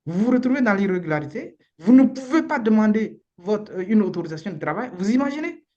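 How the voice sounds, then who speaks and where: A woman's voice: mid-range voice, sing-song, fast talker, warm tone, lo-fi sound. A woman lawyer with a Beninese accent gives informal, frank advice in a live online session, using the odd blunt slang word. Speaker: immigration lawyer.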